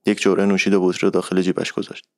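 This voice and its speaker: A man narrating a literary short story in a calm, measured reading voice. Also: sits low, no room sound, studio quality.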